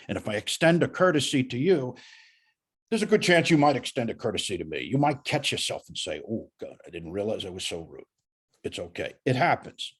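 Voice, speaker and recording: A middle-aged man with a husky voice, coaching a student one-on-one on sales calls in a folksy, animated way. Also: mid-range voice. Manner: animated, folksy, uses analogies.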